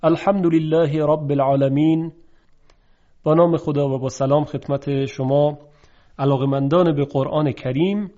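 A man teaching a recorded lesson on Quran recitation, explaining each point in a measured way and slowing down to demonstrate sounds. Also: fairly high pitch, fairly even intonation, mellow, lo-fi sound.

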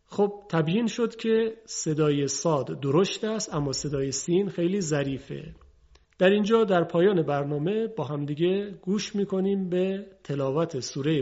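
A man gives a patient pronunciation lesson, stretching each example word out slowly so the difference can be heard. His voice sits a little high. The broadcast audio is muffled and lo-fi. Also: darkish tone. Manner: patient, drawing out example words slowly for contrast. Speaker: Quran pronunciation teacher.

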